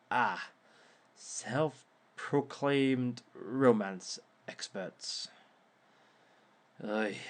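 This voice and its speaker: In a scripted, in-character audio roleplay, a man leads a seminar session as a suave, smug reformed villain lecturing as a relationship expert. His medium-pitched delivery is theatrical, measured, and drawn out with sly chuckles, and his mood is evasive and dry.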